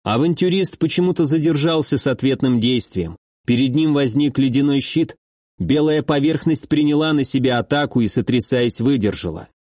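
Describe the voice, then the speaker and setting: A man's voice: mid-range voice, dry recording. Man reading a fantasy audiobook, dry. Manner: steady, measured reading with acted dialogue. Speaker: audiobook narrator. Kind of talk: scripted fantasy audiobook narration.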